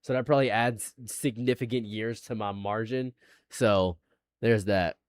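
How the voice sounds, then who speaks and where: A man's voice: lowish voice, steady tone, measured pace. A man in his late twenties, a live streamer chatting casually, rambling and repeating himself, laughing often. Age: late 20s.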